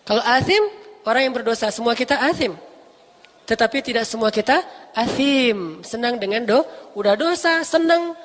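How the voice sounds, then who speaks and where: A Quran teacher giving a casual, lively study lesson, explaining Arabic terms with emphatic repetition and light jokes. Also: medium pitch, moderate pace. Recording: long reverb.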